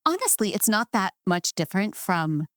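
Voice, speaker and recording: A woman's voice: medium pitch, big pitch swings, moderate pace, no room sound, studio quality. A woman host and voice coach, chatty and inquisitive, leading a conversational interview.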